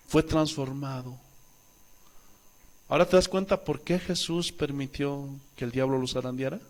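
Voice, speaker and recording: A man from Bolivia preaching a sermon with great animation, now and then acting out the voices of the story. His voice sits high and leaps up and down, and his delivery is unhurried. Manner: animated preaching, acts out voices, asks the congregation questions. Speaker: pastor.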